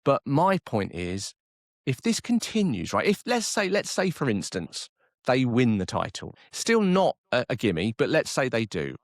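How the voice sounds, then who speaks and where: Animated man chatting football. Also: medium pitch, unhurried, no room sound, studio quality. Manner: animated, worked up, reads quotes aloud. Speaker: podcast co-host. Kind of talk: casual football chat.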